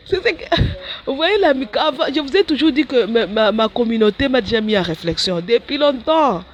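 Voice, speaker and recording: Lively woman preaching a sermon. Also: a little fast, few pauses, slight background noise. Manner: animated, jumps high when acting out dialogue with God. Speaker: religious sister preaching.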